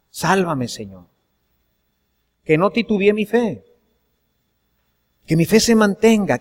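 A man's voice: high-pitched, big-room sound. A priest preaching a sermon to his congregation, earnest and full of rhetorical questions.

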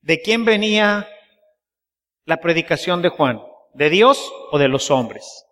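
Man, sermon, folksy storytelling, high voice, echoing church. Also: lively intonation, slow pace, fairly bright tone. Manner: folksy storytelling, keeps asking the congregation to agree. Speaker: priest.

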